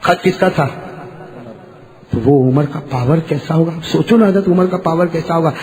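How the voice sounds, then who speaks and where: A man preaching a storytelling sermon, swinging from quiet talk to loud shouting and calling on the audience to answer. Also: a little high, moderate pace, in a large hall. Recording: noisy live sermon recording.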